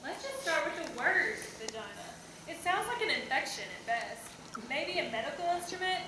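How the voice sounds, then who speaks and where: A woman's voice: high voice, sing-song, moderate pace. Young woman doing a funny monologue on stage, mic far away, noisy room. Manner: wry, comic delivery. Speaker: stage performer. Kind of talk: comic theatrical monologue performance. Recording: echoey hall, far from mic, background noise.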